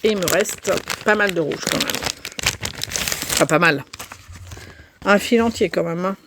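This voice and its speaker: A woman's voice: on the low side, measured pace, heavy background noise. A middle-aged woman chatting casually in a crafting vlog, self-mocking and full of fillers. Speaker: vlogger.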